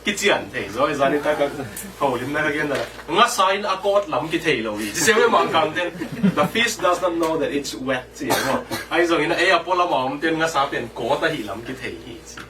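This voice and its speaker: A man preaching a sermon with lively delivery, dropping English terms into his talk. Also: fairly high pitch, fairly quick, few pauses, a crowd in the background. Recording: distant mic with faint background noise.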